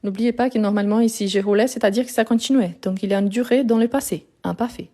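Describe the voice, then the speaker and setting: A woman's voice: a little high, fast, warm tone. A woman teaching a live grammar lesson over her phone, explaining patiently, repeating words and correcting herself as she goes. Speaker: French teacher.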